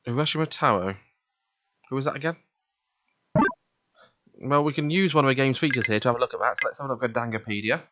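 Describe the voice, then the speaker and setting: Voicing the protagonist for a let's play, a man reads a visual novel in a mid-range voice, talking fast but leaving long pauses. He keeps it casual and conversational, performing the dialogue along the way, while the recording has its highs cut off and a noisy background.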